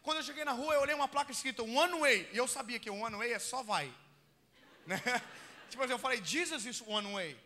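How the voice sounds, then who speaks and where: Fast, bright-voiced preacher man in a hall. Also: extremely high pitch. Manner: animated, builds to shouting peaks, laughs at his own stories. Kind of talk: sermon with personal storytelling. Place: church hall. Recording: long church hall reverb.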